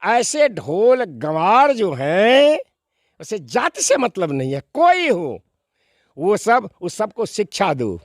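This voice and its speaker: Slow, preacherly man with a high voice. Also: huge pitch swings, no room sound, studio quality. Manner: preacherly, emphatic, with rhetorical questions and quoted verses. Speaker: interviewee, scripture expounder. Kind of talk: explanatory interview answers.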